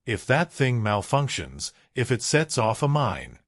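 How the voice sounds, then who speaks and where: A man's voice: medium pitch, sing-song, measured pace, no echo, studio quality. A man voicing an anxious, cautious fisherman deckhand who speaks in a worried, pleading way.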